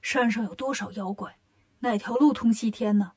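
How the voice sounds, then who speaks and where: A timid, easily scared monk master, as a woman storyteller puts him on, soft-spoken and fussy. A gentle figure in a children's storybook tale. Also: on the high side, moderate pace, natural voice.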